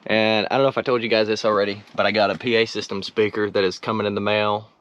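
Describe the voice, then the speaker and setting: Fast-talking and fairly low-pitched, this teenage truck-restoration vlogger keeps a level tone while he clowns around, teases himself and mimics sounds as he works on the vehicle. His voice is fairly bright, but the sound is lo-fi, with plenty of background noise and clicks.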